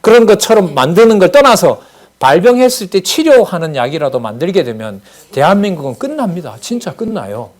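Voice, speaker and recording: A man's voice: sits high, big pitch swings, brisk. A male pastor preaching a Bible sermon in a conversational way, asking the congregation rhetorical questions and acting out short dialogues.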